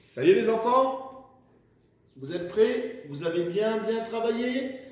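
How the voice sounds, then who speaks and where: Slow echoey man giving a children's dictation. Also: sits high, lively intonation. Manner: slow, syllable-by-syllable, encouraging. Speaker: primary school teacher. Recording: echoey room, far from mic.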